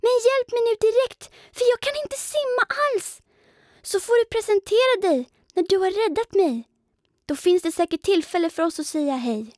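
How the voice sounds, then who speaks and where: Woman doing a little storybook spider boy, very high squeaky voice, loud and eager, dry close sound. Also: no room sound. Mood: panicked. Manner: high excited calling. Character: small frightened boy spider lost on a lily pad.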